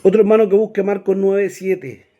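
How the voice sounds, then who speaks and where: A man's voice: sits high, flat delivery, moderate pace, mellow. A man teaching a Bible class, reading verses aloud and often checking in with his listeners. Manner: reads scripture aloud and directs listeners to verses.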